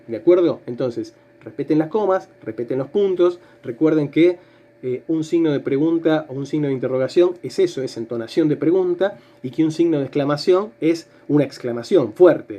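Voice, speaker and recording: A man's voice: a little high, warm tone. A man, a language teacher giving a recorded remote lesson, explaining patiently step by step with fillers.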